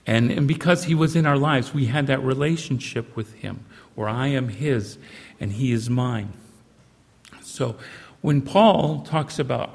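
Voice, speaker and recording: Earnest male preacher with a gravelly voice. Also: medium pitch, a little mellow. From Canada. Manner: earnest, measured, slowing on key phrases. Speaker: pastor. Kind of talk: sermon. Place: church sanctuary. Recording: reverberant church hall.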